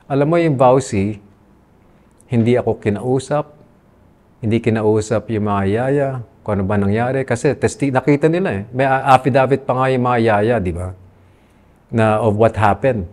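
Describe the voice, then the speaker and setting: This man's voice is medium in pitch and darkish, moving at normal speed as he recounts his own story in an interview. He has a Filipino accent, sounds earnest and aggrieved, and mixes Tagalog with English within sentences.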